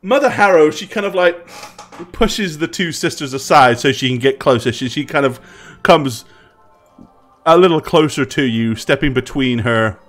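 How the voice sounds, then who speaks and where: A game master narrating a tabletop game casually, improvising in a halting way. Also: mid-range voice, lively intonation, fairly bright tone, faint music behind.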